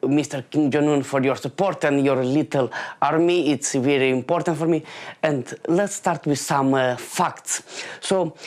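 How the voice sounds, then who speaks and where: A Moldovan man in his late twenties, with a fairly high-pitched voice, performs a halting stand-up comedy monologue. It's full of fillers and restarts.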